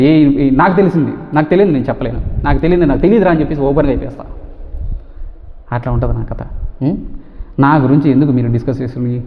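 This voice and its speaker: A man vlogging to camera, talking fast and forcefully and firing off repeated rhetorical questions. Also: fairly high pitch. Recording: tinny phone-like sound with long reverb.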